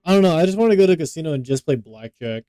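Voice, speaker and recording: A man's voice: a little high, expressive, rapid-fire, mellow, clear, resonant tone, dry recording. A young man co-hosting a podcast, talking loosely and profanely with lots of filler words. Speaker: podcast co-host. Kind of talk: casual podcast chat.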